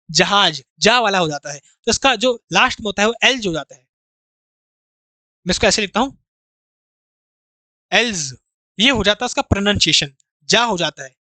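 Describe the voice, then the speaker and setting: A man's voice: high voice, sharp tone, no echo. A man teaching an exam-prep grammar lesson, explaining through rhetorical questions and repetition and speaking to his students familiarly as brothers.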